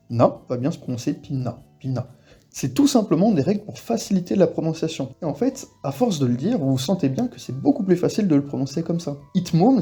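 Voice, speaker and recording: Man, language teacher, casual, repeats words slowly, husky, very mellow tone. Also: a little high. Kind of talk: explaining pronunciation rules to French speakers.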